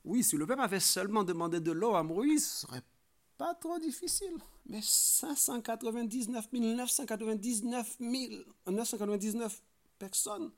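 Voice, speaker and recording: A man preaching a sermon, earnest and exhortative, often tagging phrases with a questioning "hein" and lifting his voice to stress key points. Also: normal speed. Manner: earnest preaching, rises in pitch and volume for emphasis; frequent filler "hein".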